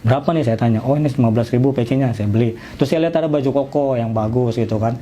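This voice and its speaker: A man's voice: mid-range voice, very fast, mellow, slight background noise. A middle-aged man, casually telling his own story and acting out the dialogue. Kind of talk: casual personal testimony.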